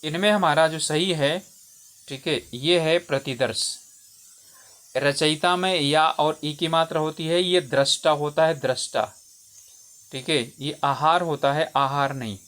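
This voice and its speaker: Speaking at a measured pace, a man with a high-leaning voice that's smooth and fairly bright tutors students for a Hindi exam. He goes through the spelling questions one by one, saying each word again and frequently asking "theek hai" as he explains step by step.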